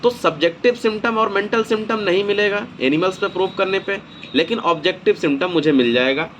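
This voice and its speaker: A male homeopathy teacher giving a recorded lecture, explaining slowly and checking in with "okay" after each point. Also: sits high, fairly bright tone, slight background noise. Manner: explanatory, repeats points with frequent "ठीक है".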